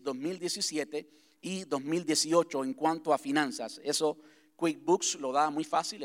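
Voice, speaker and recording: A man speaking as pastor to his congregation in a church, talking conversationally and repeating key points slowly. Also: a little high. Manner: conversational, repeats himself, slows to spell things out. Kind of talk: church vision address to congregation. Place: church sanctuary.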